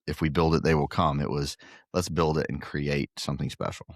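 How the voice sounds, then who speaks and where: A middle-aged Guatemalan man who owns a pickleball facility talks earnestly as a guest on a casual podcast interview, with lots of fillers and restarts. His voice is a low rumble with little pitch movement, fairly quick, recorded with studio quality and no echo.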